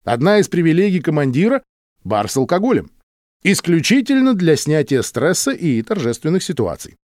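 A man's voice: on the high side, big pitch swings, moderate pace, darkish tone, no echo, pitched above the performer's own voice. A male narrator voicing a wry, easygoing ship commander with a dry humor.

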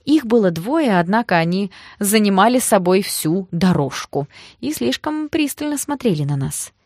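A woman telling a first-person audiobook story in a lively way. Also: mid-range voice, moderate pace, dry recording, studio quality.

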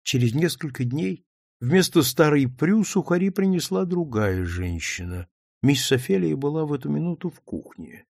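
A man narrating an audiobook in an expressive, measured reading. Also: on the high side, vocal fry, no room sound, studio quality. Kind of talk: scripted narration.

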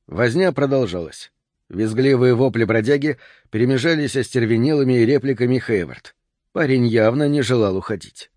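A man narrating an audiobook in a measured, expressive way. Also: mid-range voice, no room sound, clean studio sound.

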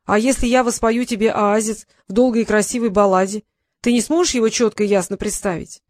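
A woman's voice: fairly high pitch, fairly even intonation, brisk, a little mellow, dry recording, studio quality, natural voice. A woman voicing a huge, vain male dragon who speaks grandly and a little bashfully. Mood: grandiose. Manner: grandiose, declaiming.

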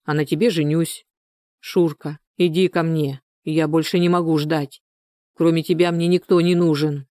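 A woman reading the lines of a pushy, hot-tempered married man in an urgent, gruff manner. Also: low-pitched, little pitch movement, normal speed, warm tone, no room sound, studio quality, lightly acted. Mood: pleading.

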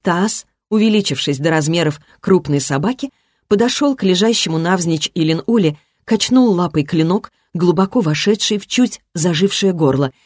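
A woman narrating a fantasy novel in a steady, even storytelling way. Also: fairly low pitch, dry recording, clean studio sound. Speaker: audiobook reader.

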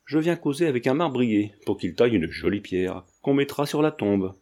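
Chatty, meddling old landlady with a mellow low voice, read by a male narrator in a storybook reading. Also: expressive, moderate pace, natural voice. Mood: insistent. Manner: talkative, familiar, insistent.

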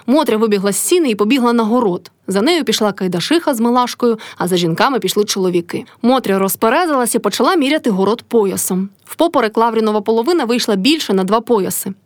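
A woman narrating an audiobook of a classic novel with expressive storytelling. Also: fairly high pitch, fast, few pauses, no room sound, clean studio sound.

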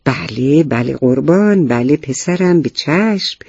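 A man's voice: a little high, lively intonation, darkish tone, breathy edge, no echo, highs cut off. A man voicing a good-humored father who teases his young son, in a storybook reading. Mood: teasing. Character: playful, indulgent father of a young boy.

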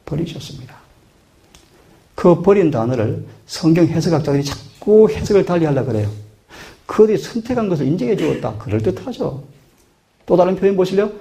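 A man's voice: fairly high pitch, mellow. A man preaching a sermon in an earnest manner, often putting questions to his listeners. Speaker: pastor.

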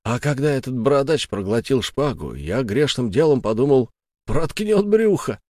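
A man's voice: mid-range voice, sing-song, normal speed, darkish tone, dry recording, studio quality, close to an everyday voice. A man voicing a good-natured, chatty market stallholder. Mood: genial. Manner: friendly, chatty. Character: genial, cheerful male stallholder.

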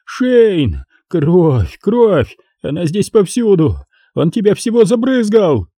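A man's voice: high-pitched, sing-song, normal speed, warm tone, breathy edge, no room sound, clean studio sound, pitched above the performer's own voice, full character voice. Man voicing Hennessy, a shrieking panicked crewman. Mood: hysterical. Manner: shrieking, frantic, pleading. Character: panicked hysterical male submarine crewman.

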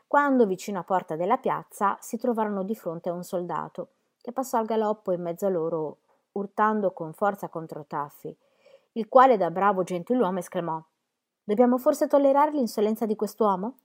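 Female reader, mid voice, measured and expressive letter reading. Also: medium pitch. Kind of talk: reading historical letters aloud.

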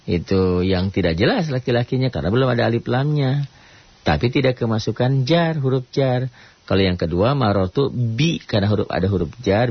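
A man with an Indonesian accent teaching a radio tajwid lesson, explaining casually and breaking into slow melodic Quran recitation. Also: mid-range voice, slightly rough, no room sound. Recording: dull lo-fi radio recording.

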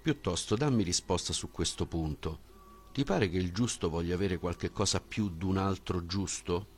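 A male audiobook reader with a very low, deep, somewhat breathy voice reads a philosophical dialogue. His delivery is measured and questioning, posing each point with care.

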